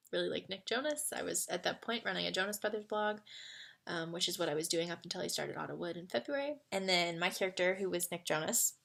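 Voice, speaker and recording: Chatty vlogger, woman in her twenties, bright tone, filler-heavy casual talk. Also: mid-range voice, vocal fry. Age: 20s. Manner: swings from excited to quiet and earnest. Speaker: vlogger answering fan questions. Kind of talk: casual chat.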